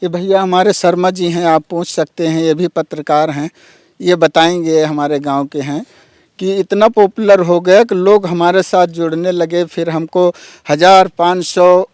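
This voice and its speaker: Earnest man with a high, smooth voice. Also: steady tone, unhurried, darkish tone, dry recording. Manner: earnest, keeps addressing the interviewer as sir. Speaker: interviewee, village YouTuber. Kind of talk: emotional personal account.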